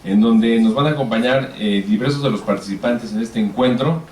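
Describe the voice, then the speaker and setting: In an event hall, a man with a mid-range, darkish voice moderates a public panel at a normal speed, politely explaining the format and calling up speakers. He's organized but uses frequent hesitation fillers. The distant mic picks up an echoey hall and slight background noise.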